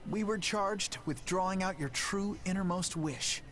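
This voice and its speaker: A man's voice: sits high, measured pace, fairly bright tone, a little hiss or hum. A man playing an earnest, hopeful young hero in a video game. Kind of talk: scripted video game acting.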